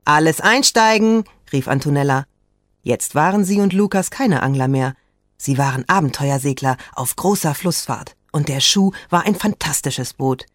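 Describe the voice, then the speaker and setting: A storyteller reads a children's tale with lively, expressive delivery, slowing down now and then to let a moment land. The voice sits at an ordinary middle pitch. The recording is close and very dry, with no room sound at all. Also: no echo. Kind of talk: scripted children's story narration.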